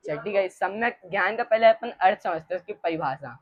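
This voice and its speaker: A woman's voice: mid-range voice, lively intonation, a little fast, dry recording. Hesitant woman giving a religious lesson. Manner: hesitant, with frequent fillers and restarts; leads the group in call-and-response repetition. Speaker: student giving a religious study talk. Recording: dull muffled dry recording.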